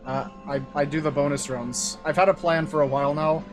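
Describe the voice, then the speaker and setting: Man, high natural voice, self-deprecating livestream host, music bed behind. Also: steady tone, brisk. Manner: rambling, self-deprecating, chatty. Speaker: YouTuber hosting an anniversary stream. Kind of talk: casual livestream commentary.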